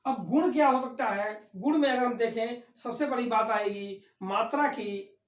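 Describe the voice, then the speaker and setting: A woman's voice: on the high side, measured pace. A woman teaching an online class, explaining terms by asking questions and then answering them herself. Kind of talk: online lecture on Hindi phonetics. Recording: echoey room.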